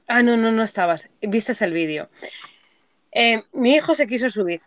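Woman telling animated stories. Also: on the high side, moderate pace, no room sound. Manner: animated storyteller, acts out her own fear. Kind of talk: casual chat.

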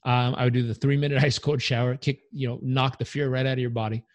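A man speaks as a guest coach on a podcast, energetic and motivational. His voice sits in a middle register. The sound is dry and close, with no room around it. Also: medium pitch, fast talker, dry recording. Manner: energetic, motivational, leads breathing exercise aloud. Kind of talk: podcast interview.

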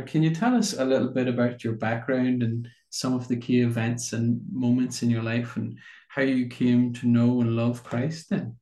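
A man's voice: medium pitch, dark tone. A man hosting a podcast, reading out a prepared introduction in a roomy, echoing recording. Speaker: podcast host. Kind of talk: scripted podcast introduction and questions.

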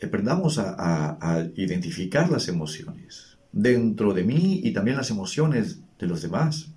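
Earnest man, a fatherly advice giver, low and warm. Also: very animated, unhurried. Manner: earnest, teacherly, rhetorical questions. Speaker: father giving emotional advice. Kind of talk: reflective monologue.

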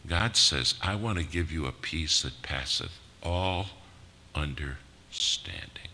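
A man in later life preaching a sermon in a church, swinging from loud bursts to hushed drops. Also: extremely low pitch, slow pace. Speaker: pastor. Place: church sanctuary. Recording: reverberant hall with faint noise.

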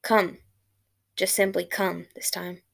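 Brief: woman reading as a cryptic old British time traveler, dry and sarcastic, gravelly. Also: lowish voice, little pitch movement, slow, exaggerated voice. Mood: mysterious.

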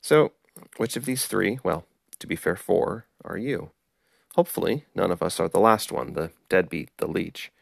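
A man hosting a podcast episode, reading a prepared script on samurai ideals in a measured, explanatory way. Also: low voice, expressive, gravelly, no room sound, studio quality. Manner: measured, explanatory, apologetic about pronunciation. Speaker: podcast host. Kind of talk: scripted narration.

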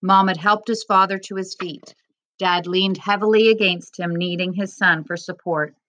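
A woman teacher reading a novel chapter aloud to her class in a steady, expressive voice. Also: fairly low pitch, normal speed, slight background noise.

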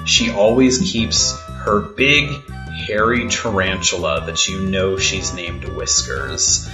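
A man's voice: low-pitched, slow pace, over music. A man narrating as game master of a tabletop role-playing podcast, describing scenes in a casual, filler-laden way.

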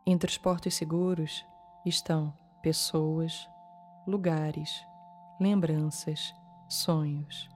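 A Brazilian woman leading a guided meditation in a calm, soothing manner, leaving long pauses between short phrases. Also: deep voice. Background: soft music.

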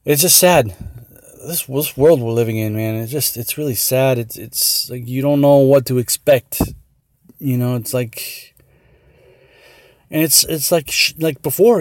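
A man's voice: mid-range voice, darkish tone, no room sound, studio quality. A man hosting a casual solo talk show, rambling with many fillers and restarts and growing earnest as he talks. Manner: earnest, gets worked up. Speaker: podcast host.

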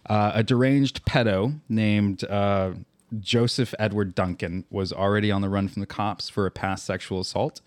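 Low-voiced man rambling through a story. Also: steady tone, moderate pace, no echo. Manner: rambling with many fillers and laughs. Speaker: podcast co-host. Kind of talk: casual chat, reading true crime stories.

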